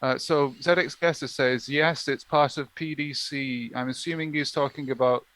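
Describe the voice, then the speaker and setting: A man with an ordinary, mid-pitched voice chats on a live stream. He talks loosely and thinks aloud as he searches for things. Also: steady tone, moderate pace, a bit bright, a little hiss or hum. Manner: chatty, searching aloud while talking. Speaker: streamer co-host. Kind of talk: casual chat on a live stream.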